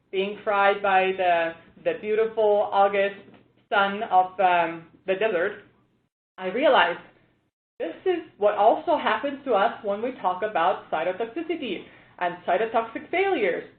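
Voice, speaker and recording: A woman from Estonia giving a conversational webinar presentation, telling stories with casual fillers. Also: mid-range voice. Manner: chatty, storytelling with fillers. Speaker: presenter, biocompatibility expert. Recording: tinny phone line, echoey room.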